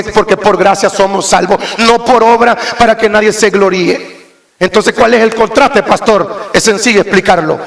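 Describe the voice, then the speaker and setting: A man preaching a sermon as pastor, impassioned and often mimicking church members before rising to shouts. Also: high voice, gravelly, roomy sound.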